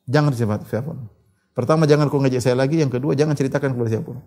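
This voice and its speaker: A man giving a religious lecture, reciting Arabic narrations and retelling them in a lively storytelling way. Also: mid-range voice, racing. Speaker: Islamic preacher.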